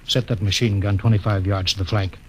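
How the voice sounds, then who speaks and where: An actor playing a commanding, cautious spaceship captain in a 1950s radio drama, speaking with clipped authority. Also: male voice, on the low side, steady tone, brisk, close to an everyday voice. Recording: noisy old 1950s radio recording.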